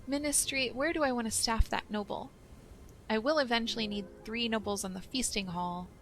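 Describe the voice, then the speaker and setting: A woman's voice: fairly high pitch, brisk, slight background noise. A young woman hosting a let's play, chatting casually and thinking aloud as she plays. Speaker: gaming channel host.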